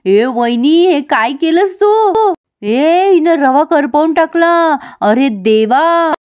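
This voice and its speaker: Brief: drawling, mocking sister-in-law, read by a woman, raised pitch. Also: clear, resonant tone, muffled recording, lightly acted. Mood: alarmed. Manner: drawn-out, mocking.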